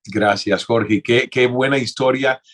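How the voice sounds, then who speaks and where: A man's voice: mid-range voice, steady tone, measured pace, fairly bright tone. A man hosting an interview speaks with an ordinary, mid-range voice. He asks questions and responds with admiration for his guest. His talk is conversational, with small restarts. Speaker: interviewer host.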